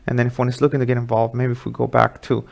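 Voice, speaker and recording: Man from Sweden, middle-aged, gravelly, mid-range voice, casual live market commentary. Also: mid-range voice, flat delivery, rapid-fire. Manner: casual, thinking aloud with many fillers while walking through charts. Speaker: market analyst hosting a webinar.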